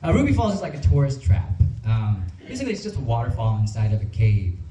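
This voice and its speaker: A man's voice: mid-range voice, huge pitch swings, quick pace, dark tone, distant mic. A man doing self-mocking stand-up comedy at a club, with plenty of ums and uhs. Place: comedy club with live audience. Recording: roomy stage sound from afar.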